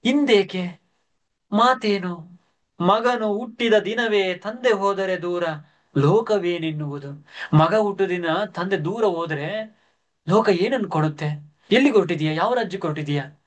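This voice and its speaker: A man's voice: fairly high pitch, lively intonation, takes it slowly. A man voicing an old, faithful male charioteer who humbly pleads with his master, in a raised, strained voice. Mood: anxious.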